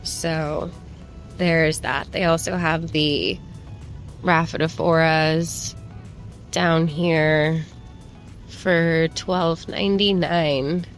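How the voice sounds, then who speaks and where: A woman with a slightly low voice talks at a slow, unhurried pace, as in a casual shopping haul vlog. She rambles informally to her viewers, remarking on things as she browses. Music plays softly behind her. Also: steady tone. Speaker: plant shopping vlogger. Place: plant shop.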